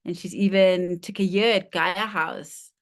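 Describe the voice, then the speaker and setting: A woman with a very clear, smooth voice hosts an informal online gathering. She speaks in a gentle, appreciative way as she welcomes and introduces, at a middling to slightly low pitch. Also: steady tone, measured pace. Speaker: host introducing a guest teacher.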